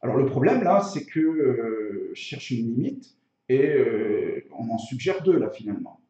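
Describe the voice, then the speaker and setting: A man's voice: medium pitch, sing-song, measured pace, warm tone. Hesitant male tutor in an echoey room. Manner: hesitant, thinking aloud, self-correcting. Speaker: maths teacher. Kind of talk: spoken maths tutorial, explaining step by step. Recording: echoey room, slightly dull sound.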